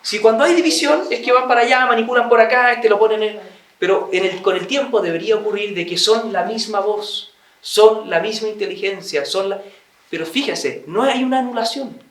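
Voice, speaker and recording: A high-voiced man lectures an audience and slips into little acted-out dialogues. He sounds set back from the mic, and his voice rings around an echoey room. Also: brisk, far from the mic. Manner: acts out little dialogues, animated and chatty. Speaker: speaker giving a talk on marriage.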